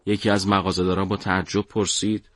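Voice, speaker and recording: A man narrating a story for an audiobook in a measured, dramatic way. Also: sits low, flat delivery, fairly bright tone, dry recording, studio quality.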